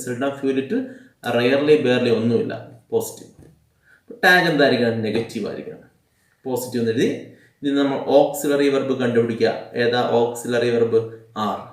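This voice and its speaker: Malayali man teaching in an echoey room. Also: mid-range voice. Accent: Malayali English. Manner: slow, drilling, repeating examples and asking questions. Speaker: English teacher. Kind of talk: classroom-style grammar lesson. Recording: echoey room, a bit far from the mic.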